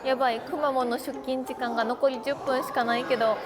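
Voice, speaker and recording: A woman chatting casually through a travel vlog, playful and quick with self-deprecating jokes while she walks around sightseeing. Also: high voice, fairly even intonation, a crowd in the background, background noise. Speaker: travel vlogger. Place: out and about sightseeing in a city. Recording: background music under voice.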